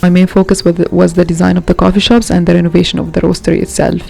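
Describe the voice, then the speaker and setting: A woman in her twenties, from Syria and raised in the Emirates, narrating her vlog in a relaxed, chatty voice-over. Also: on the low side, racing, vocal fry, roomy sound, low-quality recording. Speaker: vlogger.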